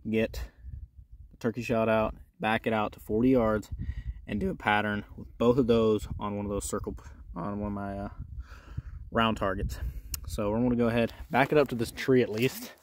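At an outdoor shooting range, a young man hosting an outdoors channel vlog talks plainly and folksily to viewers while he works. His lowish voice is steady and moderately paced.

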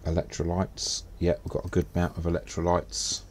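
A man with a low, monotone voice streams a space game, chatting casually and briskly as he plays and muttering to himself. There's slight background noise behind his gameplay commentary.

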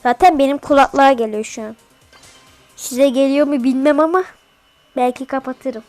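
High-pitched woman, excitable gameplay commentator, yelps in repeated bursts, chatty with viewers. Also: moderate pace, faint music behind. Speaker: mobile game streamer.

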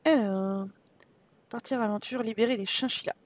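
A gaming channel host chats playfully into a close microphone, reading in-game dialogue aloud and reacting with laughs and asides. Her voice is fairly high, her intonation fairly even, and she speaks at a normal speed.

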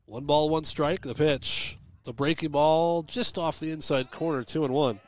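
A man calling live high school baseball on the radio from a ballpark press box, giving steady pitch-by-pitch calls with chatty, folksy asides. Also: normal speed. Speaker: play-by-play radio announcer. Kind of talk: live radio sports commentary.

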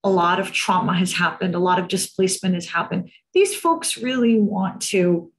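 Over a video call from an indoor room, a woman working as a cultural trainer presents explanatory slides to an audience. She speaks at a moderate pace in a fairly low voice, conversationally, often seeking agreement with tag questions, and the sound comes through the call's microphone.

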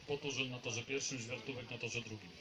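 A man's voice: mid-range voice, steady tone, fairly quick, a crowd in the background. A man making announcements as the announcer at an outdoor competition. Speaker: event announcer. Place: large outdoor grass sports field. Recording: noisy outdoor sports field recording.

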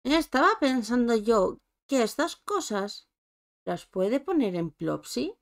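A woman's voice: on the high side, big pitch swings, slow pace, a little mellow. Chatty woman narrating her game. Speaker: gameplay streamer. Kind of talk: casual let's-play commentary.

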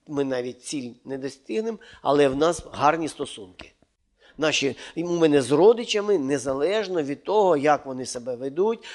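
A man teaching a church leadership course in an informal, conversational way. He uses many fillers and keeps checking with his listeners. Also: on the high side. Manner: mixes in Russian words while speaking.

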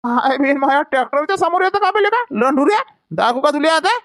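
A man's voice: extremely high pitch, lively intonation, fast talker, a bit bright, dry recording, clean studio sound. A man acting as a scolding village neighbor in a comedy skit, with a rustic Varhadi Marathi accent.

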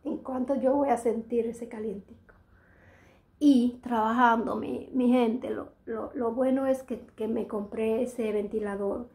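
Middle-aged dominican lady rambling on her vlog, highish mellow voice, keeps restarting. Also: fairly even intonation, unhurried, gravelly. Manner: rambling, chatty, frequent restarts. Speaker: vlogger. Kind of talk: casual chat to camera.

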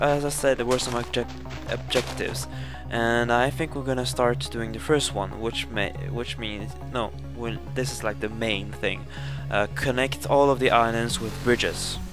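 A young man from Sweden with a Swedish accent, narrating a casual game playthrough with many fillers and self-corrections. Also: medium pitch. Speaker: gaming channel host. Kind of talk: casual Let's Play commentary. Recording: game music playing behind.

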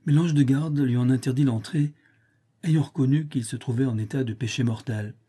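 A man reading a classic tale aloud as an audiobook narrator, in a calm, even storytelling manner. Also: mid-range voice, normal speed, slightly rough. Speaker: audiobook reader. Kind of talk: scripted narration.

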